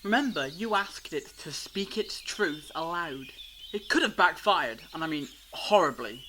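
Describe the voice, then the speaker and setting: The Doctor, a man acting a bright, high-pitched time traveller. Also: lively intonation, a little slow, a little hiss or hum. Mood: explaining, satisfied. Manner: theatrical, eloquent explaining. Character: the Doctor, clever, theatrical, reassuring male alien time traveller. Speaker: fan audio drama actor. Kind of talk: fan audio drama acting.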